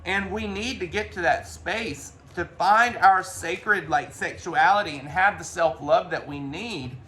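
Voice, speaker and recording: Bright, high-voiced man giving rambling spiritual talk. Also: measured pace, slight background noise. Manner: rambling, with frequent restarts and casual swearing. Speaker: spiritual reader.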